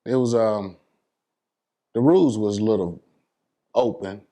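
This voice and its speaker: Speaking a little slowly in a dark, lowish voice, a New York City man talks casually as an interview guest. His American speech is colloquial and studded with conversational check-ins such as "you know what I'm saying".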